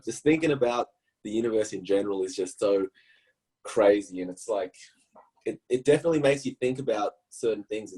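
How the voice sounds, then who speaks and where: A man's voice: lowish voice, dark tone, slightly rough, poor audio. A man co-hosting a podcast, musing aloud in a casual, wandering way. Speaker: podcast co-host.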